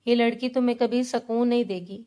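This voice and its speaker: A woman reading the part of a hostile, venomous older mother who speaks in sharp, accusing tones. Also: fairly high pitch, fairly even intonation, clear, resonant tone, lightly acted.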